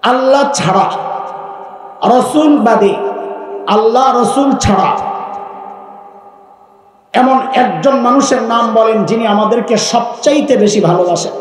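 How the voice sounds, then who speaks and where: A man from Bangladesh preaches a sermon to a gathering in a very high, ringing voice. He speaks with passion, pressing the crowd with questions and breaking into chanted verses. His voice booms through a heavy echo that hangs in a long hall reverb. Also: slow pace, long pauses, faint music behind. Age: adult with grown children. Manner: impassioned, calls out questions for the crowd to answer; chants scripture verses in a sung tone. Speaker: Islamic preacher.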